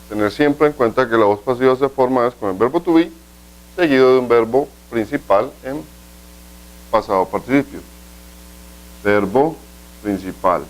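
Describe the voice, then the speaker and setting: A man teaching an English grammar lesson in a video, explaining step by step, asking the class rhetorical questions, and slowing down to say example sentences carefully. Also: mid-range voice, rough recording.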